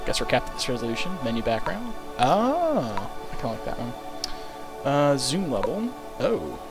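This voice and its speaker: A man's voice: mid-range voice, huge pitch swings, normal speed. A young man giving casual, rambling gameplay commentary, thinking aloud and swearing casually. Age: young adult. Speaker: let's play host. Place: small room at home, indoors. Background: video game music.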